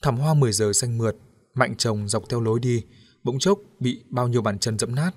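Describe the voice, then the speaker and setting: A man narrating an audiobook story in a steady, even storytelling manner. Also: mid-range voice, moderate pace.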